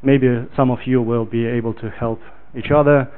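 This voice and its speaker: A man from Ukraine gives a relaxed technical talk at a meetup, pausing often on fillers. His voice is smooth and clear, but the audio sounds thin and phone-like. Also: medium pitch. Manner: relaxed, filler-heavy, loud when projecting to the room. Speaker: meetup speaker.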